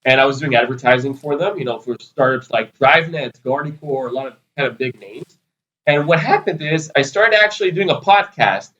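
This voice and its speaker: A man's voice: medium pitch, expressive, a little fast, pushed and bright, highs cut off. A man in his thirties from Israel, answering interview questions in a loose, rambling way full of fillers. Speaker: podcast guest, PR agency founder.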